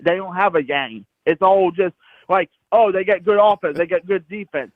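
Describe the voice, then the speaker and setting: A man from Florida calls in to a sports show over the phone and rambles excitably through his points with plenty of jokes. His voice sits high, and the line is thin and tinny. The sound is dry and close. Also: normal speed, no room sound. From Crestview, Florida, US. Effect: heard over a phone line. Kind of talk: casual phone-in chat.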